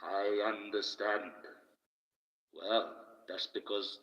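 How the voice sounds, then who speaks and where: A man from Australia hosting a livestream, giving slow, musing advice through a dreamy, distant, ethereal echo effect. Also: fairly low pitch, flat delivery, fairly bright tone. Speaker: livestream host playing an archangel persona. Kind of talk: casual livestream advice and chat with viewers. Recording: roomy long reverb, dull lo-fi sound.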